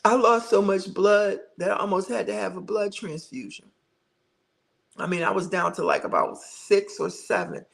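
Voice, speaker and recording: A middle-aged woman hosts a relaxed livestream from her home. Her voice has a gravelly, fry-tinged texture at an average pitch. She talks casually, repeats words for emphasis and reads viewer comments aloud. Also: normal speed, rough recording. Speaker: livestream host.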